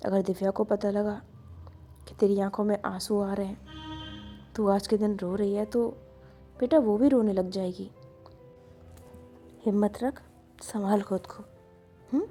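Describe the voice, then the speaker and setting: A woman's voice: fairly high pitch, moderate pace, warm tone, soft background music, natural voice. A woman doing a scheming, doting old grandmother. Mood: tender. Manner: coaxing, teasing, stubborn.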